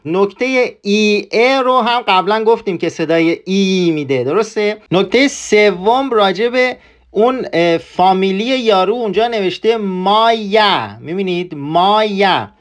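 Male language teacher with a high voice, patient and repetitive. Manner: patient, repeats points. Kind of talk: explaining a language lesson.

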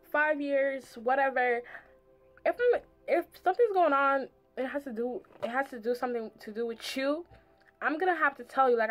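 Her voice fairly high, a young adult makeup vlogger chats through a slangy, meandering storytime while doing her makeup, using "like" over and over. The setting is a small indoor room, with music in the background.

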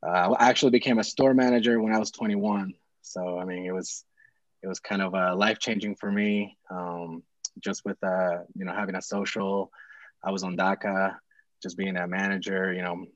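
A young real estate investor from Peru, appearing as a guest, rambles casually on a video call, his story littered with fillers and restarts. His low voice moves little in pitch and keeps a normal speed. Calling from a small room at home with earbuds, he sounds dull and dry, with no room sound.

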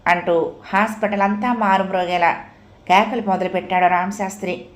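A woman narrating a story audiobook in a measured, expressive reading voice. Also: mid-range voice, echoey room.

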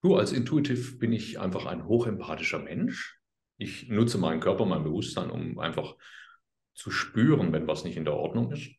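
A man speaking as an interview guest, explaining his work in a calm, earnest, unhurried way. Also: deep voice, gravelly, reverberant. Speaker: guest, healer. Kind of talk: conversational interview.

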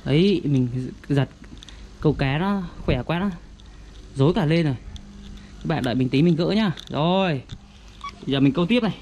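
A man with a northern Vietnamese accent vlogs casually beside a garden fish pond, speaking simply and repetitively as if showing things to a toddler. His voice is a little high, animated and darkish, at normal speed with long pauses. Slight background noise is present.

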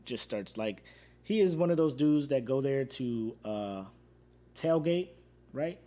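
Male host, casual slang-heavy storyteller, animated, laughs a lot. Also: mid-range voice, slow. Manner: waves at viewers watching live. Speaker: podcast host. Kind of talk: casual solo chat.

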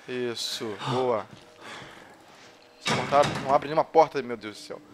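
A man's voice: mid-range voice, normal speed, very noisy. A man from Brazil commentating a horror game, nervous and jumpy, swearing and making nervous jokes. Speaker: gameplay streamer. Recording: game music underneath.

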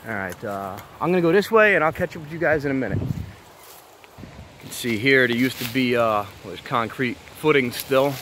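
This urban exploration vlogger keeps things relaxed as he walks an overgrown abandoned place outside, chatting to the audience and marveling out loud along the way. There's slight background noise behind his mid-range voice, which moves at a normal speed.

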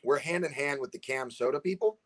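Speaking fairly quickly at a medium pitch, this Massachusetts man is a guest on a laid-back video call, chatting from home through his webcam. He's a combat sports promoter who wanders off topic and keeps asking "you know what I mean."

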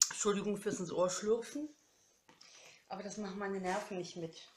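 A woman's voice: medium pitch, normal speed, a little mellow. A woman craft vlogger chatting casually while unboxing a holiday swap parcel, gushing and laughing often.

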